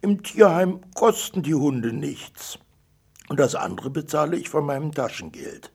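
A man's voice: on the high side, animated, measured pace, creaky, a little mellow, slightly rough, pitched above the performer's own voice, heavily acted. A man voicing a stubborn little girl who pleads and whines to get her way. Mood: pleading. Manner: wheedling and whiny.

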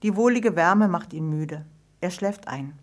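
A woman narrating a children's story in a calm, measured audiobook style. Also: lowish voice.

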